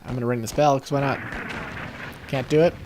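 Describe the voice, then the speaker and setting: A man's voice: medium pitch, steady tone, fairly quick. A man doing casual let's play commentary and reading game text aloud, with noisy game sounds behind him. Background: game sound effects, artillery fire.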